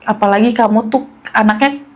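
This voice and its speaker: A woman's voice: a little high, fairly even intonation, brisk, low-quality recording. A woman casually telling a personal ghost story to a podcast host, chatty, often turning to address him. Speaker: guest storyteller.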